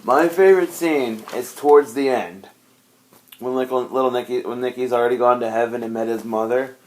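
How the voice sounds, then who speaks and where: A man's voice: mid-range voice, fairly even intonation, brisk, darkish tone. A man co-hosting a podcast, chatting casually and jokingly about a film, laughing often. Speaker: podcast co-host. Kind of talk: casual movie chat.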